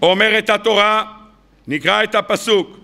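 Gravelly, bright-voiced rabbi telling a story. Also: male voice, high-pitched. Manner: animated storyteller who acts out the people in his tales; colloquial, addresses the audience as "gentlemen". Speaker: rabbi giving a weekly Torah talk. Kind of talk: storytelling sermon. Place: evening lecture before an audience.

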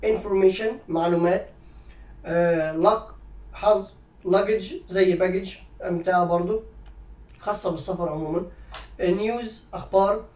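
A man with an Egyptian Arabic accent teaching English grammar, who explains in Arabic and reads the English examples out slowly. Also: high-pitched, a little mellow. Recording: echoey room, voice a little far from the mic.

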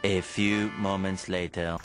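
A man voicing a solemn time-skip narrator in a slow, grave announcing manner, played as a clip. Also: low-pitched, level tone, faint music behind.

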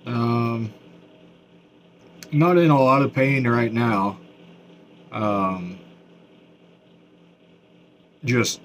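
A man talking through new dentures in a casual video update, his mouth still numb, halting with many fillers and restarts. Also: mid-range voice, slight background noise. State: mouth still numb after dental work. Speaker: vlogger.

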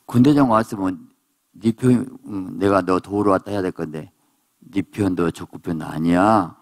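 A man preaching a sermon at a prayer retreat, animated and acting out voices in quotes. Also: normal speed. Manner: animated preaching, voices characters in quotes, jumps to high exclamations. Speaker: pastor.

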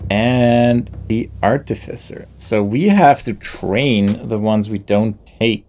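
With a lowish, darkish voice and a slow pace, a man offers casual commentary on a video game he's playing. He deliberates over each choice and muses to himself while faint game music runs underneath.

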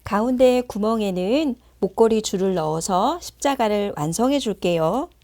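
A woman's voice: medium pitch, animated, moderate pace, a little mellow. A woman narrating a children's craft lesson in a simple, sing-song manner aimed at toddlers, like a Sunday school teacher.

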